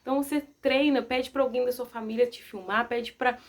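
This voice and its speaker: A young woman vlogger giving casual advice to the camera, soft-spoken, gentle and earnest. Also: fairly high pitch, steady tone, brisk.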